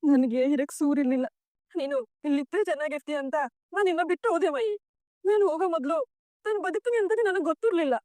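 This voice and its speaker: An actress playing a sorrowful, tender middle-aged mother in a TV serial, speaking softly and pleadingly. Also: high voice, quick pace, no room sound, clean studio sound, lightly acted. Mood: tearful. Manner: soft, pleading, tearful at times. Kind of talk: TV serial acting.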